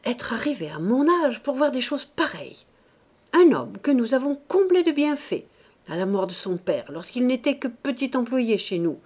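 A woman's voice: sits high, big pitch swings, measured pace, a little mellow, voice pushed up, heavily acted. A woman voicing an elderly self-righteous bourgeois mother who laments plaintively in an audiobook. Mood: indignant lament. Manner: indignant, plaintive.

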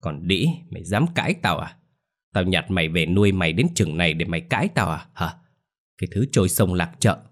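A man's voice: low voice, brisk, lightly acted. A man voicing a ravenous, foul-mouthed old grandmother who snarls and shrieks curses. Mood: menacing.

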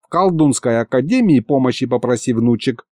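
A man's voice: mid-range voice, lively intonation, fairly quick, darkish tone, dry recording, studio quality, close to an everyday voice. A man voicing an old grandfather mentor who talks in folksy rustic speech. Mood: folksy scolding.

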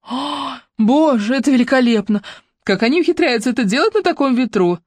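A woman reading an audiobook, voicing an excitable society lady who gushes in breathless exclamations. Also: sits high, brisk, no room sound, pitched above the performer's own voice. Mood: gushing. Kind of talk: audiobook character voice.

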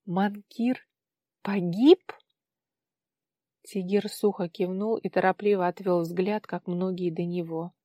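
A woman narrating an audiobook with an expressive reading. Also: on the low side, moderate pace, hardly any pauses, dry recording, studio quality. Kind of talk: scripted narration.

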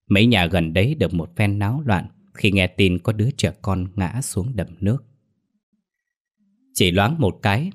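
Deep-voiced storyteller. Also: male voice. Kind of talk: ghost story narration.

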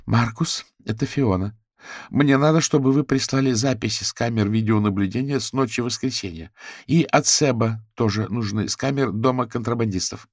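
A man's voice: medium pitch, moderate pace, no echo, studio quality, pitched above the performer's own voice, close to an everyday voice. Man reading a firm, matter-of-fact woman.

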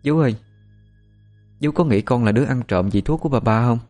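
A man's voice: mid-range voice, animated, brisk, darkish tone, soft background music, pitched above the performer's own voice, natural voice. A man voicing a wronged young female servant who talks in an earnest, pleading, sometimes firm way. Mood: timid earnest.

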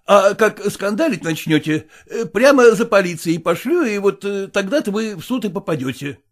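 A smug, fawning merchant of the old days, as a male audiobook reader plays him, placating but unbending. His speech is drawn out and overly polite, with a fairly high, lively voice. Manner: obsequious, drawn-out, adding a polite "-s".

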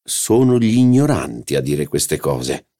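A man's voice: extremely low pitch, big pitch swings, a little slow, warm tone, exaggerated voice. A man voicing a pedantic, dogmatic doctor who lectures and teases his sleepy wife in an audiobook. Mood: lecturing. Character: pedantic dogmatic male doctor, teasing husband. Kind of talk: audiobook character voice.

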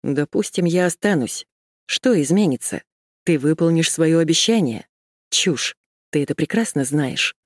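A woman reader voicing a composed young man who speaks calmly, curtly and with contempt. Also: deep voice, a little slow, dry recording, studio quality. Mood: cold calm. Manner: calm, clipped, contemptuous. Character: cold, composed young man, curt and harsh.

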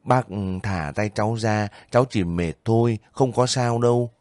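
A man's voice: lowish voice, moderate pace, a little mellow, no echo, clean studio sound, natural voice. A man voicing a young soldier on leave who pleads and questions anxiously in a spoken story. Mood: faint. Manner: anxious, breaking voice.

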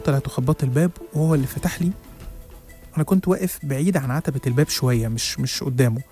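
Fast-talking Egyptian man telling horror story. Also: mid-range voice, warm tone, soft background music. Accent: Egyptian Arabic. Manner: rapid, suspenseful, with small restarts. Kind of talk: first-person horror story narration.

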